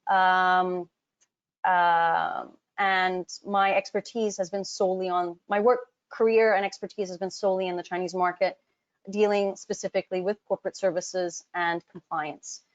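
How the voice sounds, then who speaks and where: A woman from Hong Kong working as a business advisor, presenting a live webinar. She talks in a chatty, direct way, speaks to her audience often and fills her pauses with ums. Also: fairly low pitch, level tone. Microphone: computer mic on a web call, camera off. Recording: dull lo-fi webinar audio.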